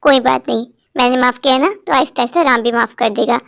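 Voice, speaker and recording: A woman voicing a wise older mother-in-law in a cartoon story, speaking calmly and soothingly. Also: sits high, quick pace, gravelly, no room sound, studio quality, voice pushed down. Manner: calm, soothing, advising. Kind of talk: dubbed Hindi cartoon story.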